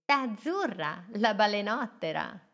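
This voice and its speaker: Smolly, a woman voicing a squeaky little boat. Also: big pitch swings, measured pace, a bit bright. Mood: eager. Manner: eager, breathless exclamations. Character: cheerful little girl toy boat.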